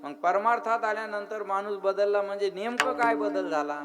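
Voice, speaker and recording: A man giving a devotional kirtan sermon, quizzing and teasing his listeners and chanting verse lines slowly, with a live audience behind him. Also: sits high. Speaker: kirtan preacher. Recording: live crowd audible behind.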